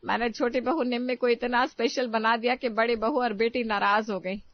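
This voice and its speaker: A woman's voice: a little high, steady tone, normal speed, no echo, muffled recording, lightly acted. A woman voicing a pleading middle-aged mother-in-law. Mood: regretful. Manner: pleading, defensive. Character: stern yet hurt middle-aged Indian mother-in-law.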